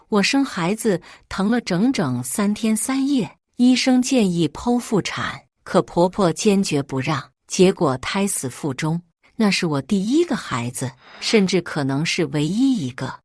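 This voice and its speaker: Expressive woman reading a dramatic story. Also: lowish voice, dry recording, studio quality. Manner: emotional, expressive. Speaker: story narrator.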